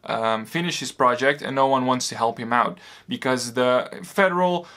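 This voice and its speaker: A man's voice: medium pitch, normal speed. A young man in his twenties from Bosnia, earnestly making a crowdfunding appeal to camera from a small room at home. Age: 20s. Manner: earnest, steady, with occasional fillers.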